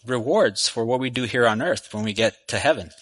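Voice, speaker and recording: Guest preacher in his forties, forceful tone, chatty delivery, repeats himself as he goes. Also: medium pitch, a little fast, poor audio. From Texas. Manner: friendly, conversational with frequent restarts. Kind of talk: sermon. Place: church sanctuary. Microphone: microphone.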